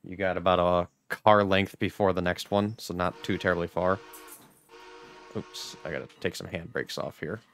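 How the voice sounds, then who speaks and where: A man's voice: low-pitched, fairly even intonation, normal speed, a bit bright, soft background music. A man giving chatty, joking commentary on a live gameplay stream and greeting viewers. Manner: joking, chatty, talks to chat. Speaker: game streamer.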